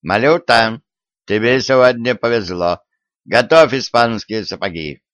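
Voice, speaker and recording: A man's voice: mid-range voice, measured pace, fairly bright tone, no room sound, clean studio sound, lightly acted. A man voicing a proud, commanding tsar who talks in archaic folksy phrases in an audiobook. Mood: stern. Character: proud, blustering old-fashioned tsar.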